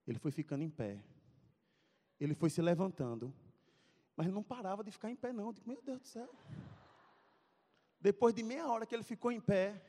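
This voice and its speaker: A man's voice: high-pitched, fast talker. A man preaching to a youth service, telling a comic story and acting out scenes. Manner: animated, acts out scenes, calls out to audience. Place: church sanctuary. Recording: long reverb of a church hall.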